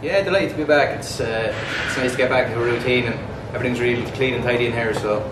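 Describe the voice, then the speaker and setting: A man's voice: medium pitch, quick pace. Upbeat man in his twenties. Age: 20s. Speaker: gym member. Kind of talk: casual testimonial. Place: indoor gym. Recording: echoey room, distant mic, noise.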